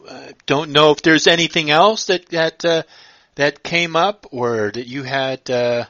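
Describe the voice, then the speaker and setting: A male host chatting casually on a live stream, stopping often with fillers and restarting his sentences. His voice sits at a middling pitch. The recording is dull and lo-fi, with a close, dry sound. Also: pushed and bright, no echo. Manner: hesitant, many fillers and restarts. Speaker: podcast host.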